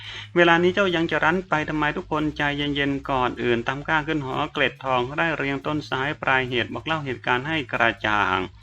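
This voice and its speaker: A man's voice: on the high side, brisk, sharp tone, muffled recording. A man voicing a proud, hot-tempered young male noble in an audiobook reading, speaking sternly.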